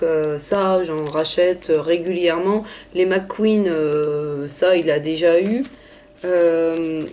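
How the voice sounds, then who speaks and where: Hoarse young woman vlogging. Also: fairly low pitch, mellow, slight background noise. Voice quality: raspy. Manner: chatty, many hesitations. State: hoarse from illness. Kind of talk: casual haul video.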